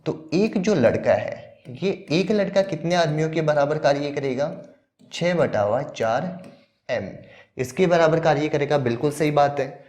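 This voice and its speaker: A man's voice: a little high, animated, unhurried, a little mellow. A man teaching an exam-prep maths lesson who talks through each step, asks questions and answers them himself.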